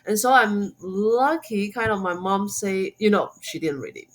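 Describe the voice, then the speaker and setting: A woman's voice: medium pitch, lively intonation, measured pace, low-quality recording. Hong Kong woman, hesitant non-native English. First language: Cantonese. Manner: non-native English with many fillers, restarts and laughs. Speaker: guest, homeschooling mom and blogger. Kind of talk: podcast interview.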